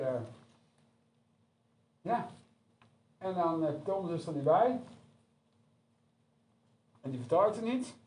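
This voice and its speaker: A man's voice: on the high side, dark tone. A man preaching a sermon in a conversational, hesitant way, recorded from far off in an echoey church hall. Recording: echoey room from far off, noisy.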